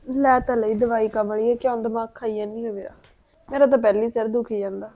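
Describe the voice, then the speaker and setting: An actress with a Punjabi accent playing a bossy older sister-in-law who scolds and snaps irritably. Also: female voice, fairly high pitch, steady tone, a little fast, mellow, close to an everyday voice. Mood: scolding.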